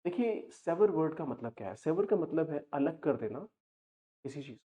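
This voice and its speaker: A man's voice: on the high side, expressive, warm tone. Man teaching with tinny, phone-like sound. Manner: explains patiently, slows down to read example sentences. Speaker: vocabulary teacher. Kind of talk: explanatory exam-prep lesson.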